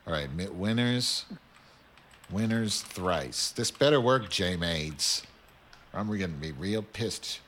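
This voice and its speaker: A man's voice: deep voice, expressive, slow, fairly bright tone, a little hiss or hum. A man hosting a radio show, brash and teasing, muttering to himself while he dials a phone. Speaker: radio host. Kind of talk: casual radio banter.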